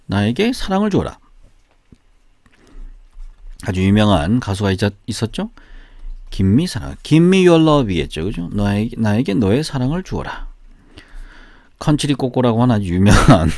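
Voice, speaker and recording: A man teaching English phrases in a casual video lesson, joking between slow drilled repetitions. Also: mid-range voice, darkish tone, dry recording, clean studio sound.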